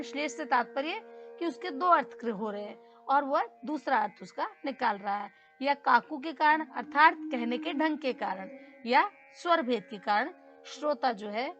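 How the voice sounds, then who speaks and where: A woman teacher explaining a grammar lesson slowly and deliberately, repeating key terms. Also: high-pitched, fairly bright tone, dull audio.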